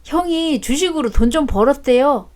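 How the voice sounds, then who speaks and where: Woman playing a cheeky grown-up son, flat and blunt, highish voice. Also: moderate pace. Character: blunt adult son, cheeky toward his father.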